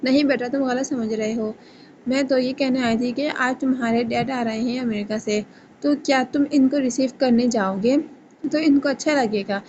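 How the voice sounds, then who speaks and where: A woman reading the lines of a gentle mother pleading with her grown son in a novel reading. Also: sits high, steady tone, dull audio, slight background noise, natural voice.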